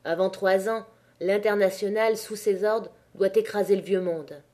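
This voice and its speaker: A woman reading the part of a calm but fanatical male anarchist who speaks softly and grows fervent, in an audiobook. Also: mid-range voice, normal speed, lightly acted. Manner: soft, then fervent.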